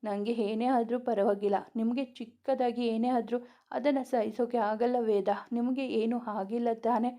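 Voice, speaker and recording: A young wife lying injured, read by a woman storyteller, speaking faintly and earnestly. Her voice is soft and mellow. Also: on the high side, fairly even intonation, moderate pace, lightly acted. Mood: weak earnest. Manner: faint, weak.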